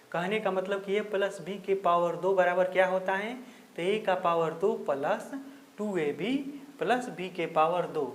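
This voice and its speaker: A man's voice: high voice, fairly bright tone. A man teaching a math lesson step by step, patient and repetitive, often pointing the listener back to the board. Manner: patient, repetitive, keeps saying "look here". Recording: roomy echo.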